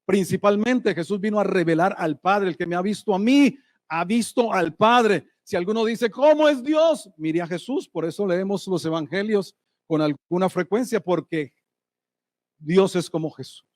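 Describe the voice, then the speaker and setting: A man preaching a sermon as pastor, lively and asking the congregation rhetorical questions. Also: sits high, moderate pace, no room sound, studio quality. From Colombia. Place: church hall.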